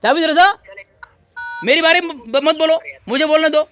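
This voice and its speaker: A man in a heated religious debate, speaking to the listeners, mocking his opponent and ordering him to stay quiet. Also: very high-pitched, moderate pace, a little hiss or hum. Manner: commanding, demands silence, mocking.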